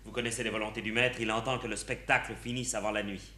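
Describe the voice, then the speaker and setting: An actor playing a suave, mock-pious playwright and secret suitor in a classic French stage comedy, declaiming theatrically. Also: male voice, fairly low pitch, flat delivery, fast talker, pushed and bright. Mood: brisk. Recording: echoey room, faint noise.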